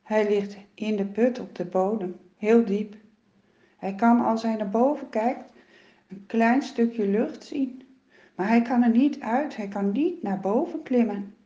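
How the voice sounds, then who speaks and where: A woman telling a children's Bible story in a slow, expressive way, with dramatic rises and falls. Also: a little high. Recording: roomy, dull lo-fi sound.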